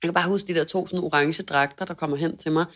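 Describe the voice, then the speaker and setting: A young woman co-hosting a casual chat, telling a story in an animated way, swearing freely and acting out quotes loudly. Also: deep voice. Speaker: podcast co-host.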